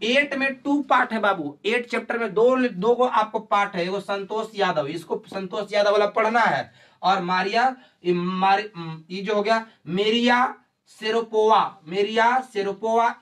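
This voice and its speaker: A man's voice: high voice, fairly bright tone, recorded from a distance. A man teaching a class lesson, often asking rhetorical questions and repeating his points.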